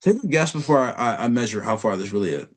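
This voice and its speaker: A man's voice: mid-range voice, sing-song, quick pace. A man giving a casual trading lesson over a chart, blunt and profane, talking to the viewer in street slang. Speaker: trading educator.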